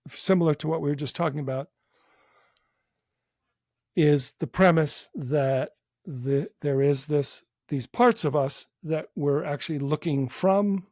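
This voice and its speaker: Man, meditation guide, slightly high voice, dry close sound, calm and gently inviting, long pauses. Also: no echo. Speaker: psychotherapist and meditation teacher. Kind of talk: guided meditation within a podcast interview.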